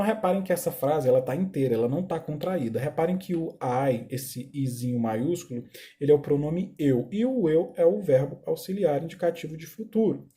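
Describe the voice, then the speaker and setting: A Brazilian man, a native Portuguese speaker, teaching English grammar step by step, slowing down to read example sentences and often checking in with the class. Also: on the high side, warm tone. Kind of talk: recorded grammar lesson.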